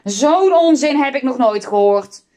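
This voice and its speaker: A woman voicing a stern, angry male schoolteacher who scolds and shouts. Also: sits high, normal speed, pitched above the performer's own voice, natural voice. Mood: scolding.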